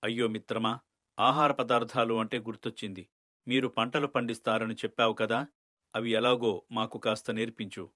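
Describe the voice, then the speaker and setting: A man voicing a calm, dry-witted male alien in an animated story, wry and level-headed. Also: mid-range voice, normal speed, dry recording. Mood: friendly. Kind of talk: storybook cartoon voice acting.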